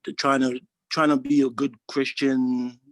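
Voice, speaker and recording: A Haitian social worker in his 40s gives an earnest testimonial interview, halting and often restarting his sentences. His medium-pitched voice is flat in delivery, and the audio is poor with no room sound.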